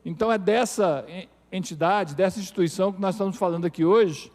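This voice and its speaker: A man's voice: high-pitched, fairly quick, darkish tone. A middle-aged man, a university rector, giving a formal and earnest speech with hesitant restarts at a city council tribune. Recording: reverberant council chamber.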